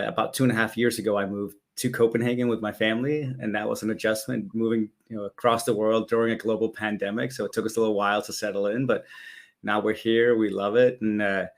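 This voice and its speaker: A man in his forties from Denmark, a business executive telling his story as an interview guest with enthusiasm. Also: lowish voice. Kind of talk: conversational interview answers.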